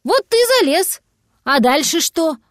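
A woman voicing a stubborn, soft-hearted male cat who frets and grumbles, in a storybook reading. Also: high voice, lively intonation, unhurried, no echo, studio quality, pitched above the performer's own voice. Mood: grumbling. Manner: grumbling, worried.

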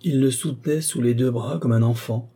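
A man's voice: mid-range voice, moderate pace, warm tone, slightly rough, lightly acted. A man voicing a chatty old female country servant, telling her story in a breathless, exclamatory way, for an audiobook. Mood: gossiping.

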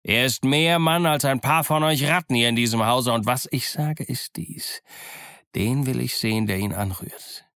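A man's voice: medium pitch, moderate pace, fairly bright tone, no echo, studio quality, voice pushed up, natural voice. A man voicing a scheming old one-legged pirate captain who growls threats and mocks his crew. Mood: commanding. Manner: growling threats, mocking and commanding. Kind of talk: audiobook character voice.

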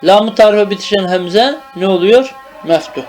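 A man teaching Arabic grammar in a traditional madrasa style, drilling terms slowly and stopping to check that the student follows. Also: high voice, a little mellow, faint music behind.

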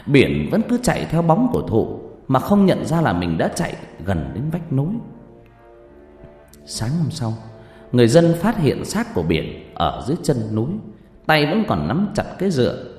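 A male storyteller narrates a ghost story with theatrical flair, his pitch swooping up and down. His voice rings in a roomy reverb. Faint music plays underneath. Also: wildly swooping pitch, moderate pace. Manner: theatrical, swinging pitch and loudness.

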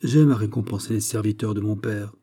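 A man's voice: lowish voice, fairly even intonation, a little fast, dark tone, breathy edge. A man voicing a young, regal, commanding king in an audiobook reading, with a raised, imperious delivery. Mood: gracious.

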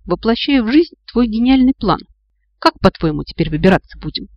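A man's voice: high voice, animated, brisk, dull audio, pitched above the performer's own voice. A man doing a feisty sarcastic young heroine. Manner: sarcastic, exasperated, scolding. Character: feisty sharp-tongued young woman heroine.

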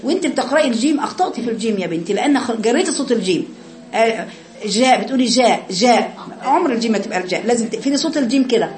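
Egyptian lady teaching quran recitation, high voice, chants the sounds, echoey room w music behind. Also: animated, racing, darkish tone. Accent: Egyptian Arabic. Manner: patient, demonstrates sounds by chanting them. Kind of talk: tajweed lesson, correcting students.

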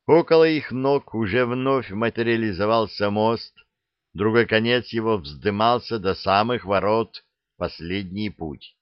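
A man reads a fairy tale aloud at a slow, deliberate pace, his pitch rising and falling a great deal. His voice sits on the low side. The recording is dry and somewhat dull. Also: no room sound. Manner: unhurried, animated storytelling. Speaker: audiobook narrator. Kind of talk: expressive scripted narration.

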